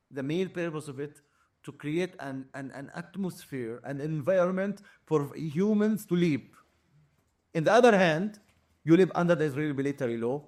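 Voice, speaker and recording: Earnest Palestinian Arabic-accented man, higher voice. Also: darkish tone. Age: 40s. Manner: emphatic, lists points one by one, often repeats words. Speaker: activist interviewee. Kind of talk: earnest interview testimony.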